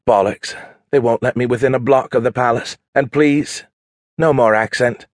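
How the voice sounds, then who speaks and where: A man performs the part of a playful older British woman teasing her husband, raising his pitch above his own natural voice. The delivery is medium-pitched with fairly even intonation at a moderate pace, recorded in a clean studio with no room sound.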